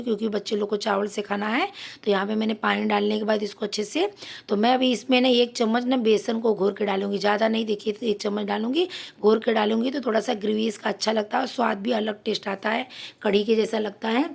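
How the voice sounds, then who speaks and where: A woman with a hoarse throat narrating her daily household routine as a casual vlog voice-over, explaining each step. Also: mid-range voice, steady tone, fast talker. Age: adult mother. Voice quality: gravelly. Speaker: vlogger.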